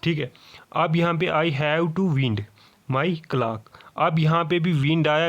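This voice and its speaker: A man teaching a grammar lesson for exam preparation, reading example sentences slowly word by word and checking in with "okay" often. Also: fairly high pitch. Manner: explains slowly, reads example sentences word by word, repeats "ठीक है".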